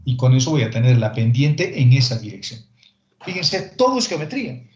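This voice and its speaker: A man's voice: mid-range voice, sing-song, normal speed. A male math teacher giving a recorded calculus lecture, explaining step by step and directly to his students. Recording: echoey room, dull lo-fi sound.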